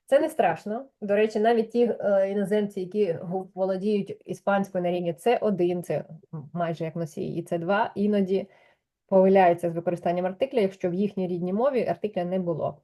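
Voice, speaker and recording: A woman gives a patient one-on-one language lesson. Her voice is mellow and warm, at a middle pitch, and she explains step by step, checking often with short questions. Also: steady tone, fairly quick. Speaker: Spanish teacher.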